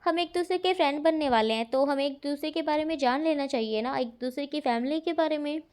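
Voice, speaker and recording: Storybook figure: a nosy, demanding teen schoolgirl with a high voice, as a woman narrator puts her on. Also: a little fast, a little mellow, close to an everyday voice. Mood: pestering. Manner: prying, demanding questions. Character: pushy nosy chatterbox schoolgirl, teenage.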